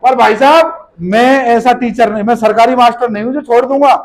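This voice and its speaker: A man's voice: very high voice, a little fast, rough recording. A man giving a motivational seminar speech, firing rhetorical questions at the audience and repeating his points with emphasis. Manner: emphatic, scolding, repeats key phrases. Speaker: motivational business speaker. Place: seminar hall with a live audience.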